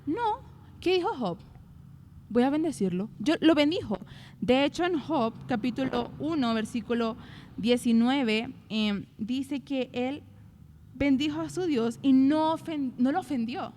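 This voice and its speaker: High-voiced woman co-hosting a Bible podcast. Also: a little slow, long reverb tail, a little hiss or hum. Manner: animated, acts out quoted complaints. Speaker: co-host. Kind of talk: Bible study podcast talk.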